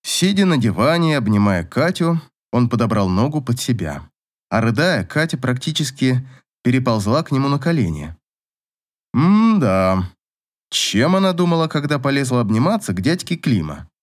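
Expressive male audiobook narrator. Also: mid-range voice, a little fast. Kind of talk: scripted narration.

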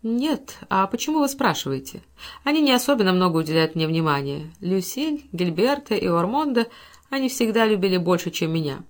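A woman's voice: medium pitch, sing-song, brisk. A woman reading a plaintive young coquette.

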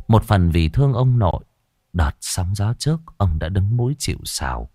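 A man narrates a ghost story in a very deep voice that rises and falls dramatically. His delivery is suspenseful, and the recording is dry and close with no room sound. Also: warm tone, no room sound.

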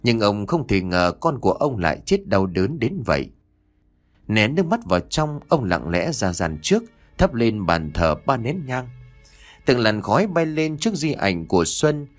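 A man narrating an audio story in a scripted, dramatic, expressive reading. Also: lowish voice, unhurried. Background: soft music.

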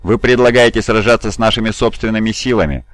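A man voicing a male fleet master who shouts urgent commands during a space battle. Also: fairly low pitch, fast talker, no echo, studio quality, natural voice. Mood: alarmed. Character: alarmed male fleet master under fire.

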